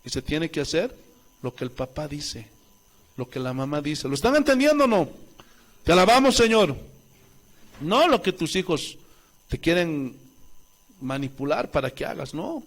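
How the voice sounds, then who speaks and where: High-voiced Bolivian pastor preaching. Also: male voice, sing-song, moderate pace. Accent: Bolivian Spanish. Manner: preaching with rhetorical questions to the congregation; swings between loud emphatic calls and low soft asides. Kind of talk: sermon. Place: church.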